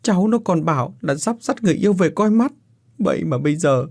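A man voicing a grieving middle-aged mother who pleads through tears in a broken, halting way. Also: fairly low pitch, animated, darkish tone, breathy edge, voice pushed up. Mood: tearful pleading.

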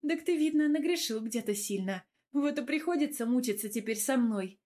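A cheeky, sharp-tongued young heroine from a romance audiobook, as the narrator puts her on. Her voice jumps up high and bright, teasing and quick to tease back. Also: lightly acted. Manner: bright, raised, teasing delivery.

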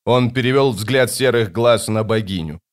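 A male narrator reads a fantasy audiobook in an even, steady manner. His voice sits in a middle range. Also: medium pitch, normal speed.

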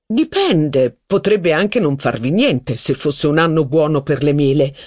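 A man's voice: on the high side, lively intonation, a little slow, a little mellow. A reader voicing a foreign nobleman who gossips with wry irony.

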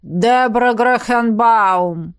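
A woman voicing a prim, order-obsessed school secretary who speaks in a slow, precise, commanding drawl. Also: a little high, smooth.

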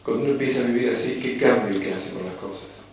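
A man with a Rioplatense Spanish accent gives a calm, reflective spiritual lecture and lets key phrases land slowly. His voice rings through a very echoey hall. The mic sits some distance away. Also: mid-range voice, slight background noise. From Argentina. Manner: calm and unhurried, slowing down to repeat key phrases.

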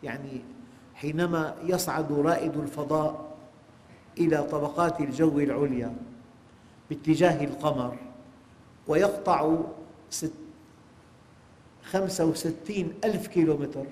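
A man's voice: a little high, normal speed, pauses often, darkish tone. A man giving a religious lecture on scripture, preaching emphatically and asking his listeners rhetorical questions. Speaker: sheikh giving Quran exegesis. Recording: long hall reverb.

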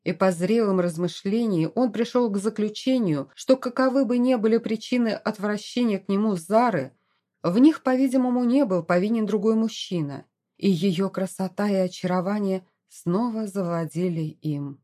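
A woman reading a romance novel aloud as an audiobook, in an expressive, dramatic way. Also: mid-range voice, normal speed. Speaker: audiobook narrator. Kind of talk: scripted narration.

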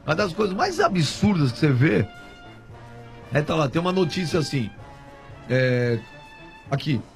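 A hoarse-voiced man on a sports radio panel, debating football casually and exclaiming and repeating himself. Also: a little high, sing-song, normal speed, faint music behind.

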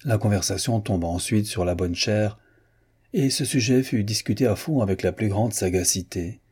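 A man narrating a classic novel as an audiobook reader, in an even, unhurried manner. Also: on the low side, husky.

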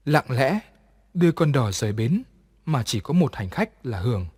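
A man narrating a ghost story in an even, measured way. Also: medium pitch, slightly rough. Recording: long reverb.

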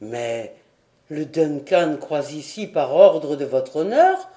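Woman reading as an old seaman, loyal and confused, lowered voice, slow, audiobook. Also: big pitch swings, dark tone, echoey room. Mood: puzzled. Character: old male sailor, loyal, bewildered.

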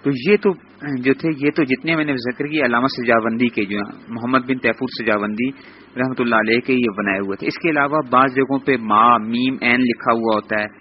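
Man teaching a class, steady voice, often checking that students follow, muffled lecture recording. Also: medium pitch, slight background noise. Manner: repeats "theek hai" as a check-in; explains slowly, spelling out letters. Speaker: Quran teacher. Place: lecture room.

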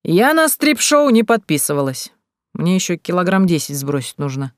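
A woman plays a serious, sardonic young woman who drawls her remarks dryly. The voice is low and close, with no room sound at all. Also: sing-song, moderate pace, dry recording. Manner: dry sarcastic drawl.

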